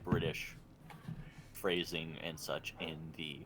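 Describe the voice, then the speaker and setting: A man's voice: very deep voice, little pitch movement, slow pace, a bit bright, slight background noise. A man co-hosting a casual gaming podcast, explaining things in a rambling, hesitant way with many fillers. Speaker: podcast co-host. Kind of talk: casual chat.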